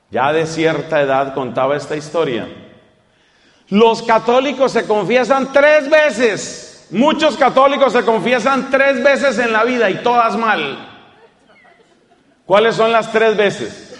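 High-voiced man preaching, unhurried. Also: a bit bright, in a large hall. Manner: storytelling, acting out scenes. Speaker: priest. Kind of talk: sermon.

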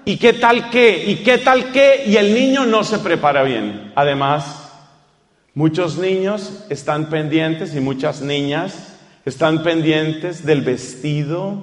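A man's voice: high-pitched, big-room sound. A man, a priest, preaching a sermon and telling stories, acting out the people in them. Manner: storytelling, acting out scenes.

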